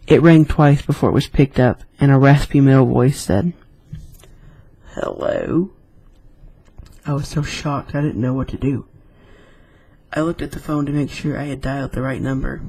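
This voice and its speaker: A YouTube storyteller with a mid-range, mellow, husky voice casually reads scary stories aloud, filling the gaps between them with chatty, rambling asides.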